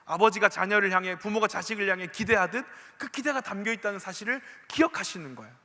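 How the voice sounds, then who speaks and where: A male pastor with a Gyeongsang accent preaching a sermon, animated and full of questions to the listeners. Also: high voice, quick pace. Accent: Gyeongsang dialect. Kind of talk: sermon to a youth congregation. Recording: echoey church hall reverb.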